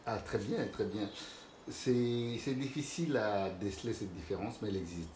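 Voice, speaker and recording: Older male guest from Congo, very low voice, measured answers, roomy recording with faint noise. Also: darkish tone. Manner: measured, explanatory. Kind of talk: interview answers. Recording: echoey room with faint noise.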